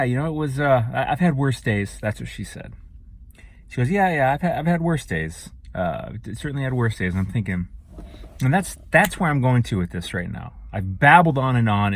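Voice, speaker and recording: A man's voice: lowish voice, a little hiss or hum. A man talking to camera in a casual, rambling monologue that grows emphatic and profane. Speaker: vlogger.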